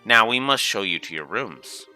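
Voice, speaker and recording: A man plays a haughty woman of rank from a fantasy game. She is formal and condescending, in a bright, forceful low voice over faint music. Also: animated, moderate pace, clean tone. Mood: polite command. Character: polite, scheming, haughty woman of rank in a castle.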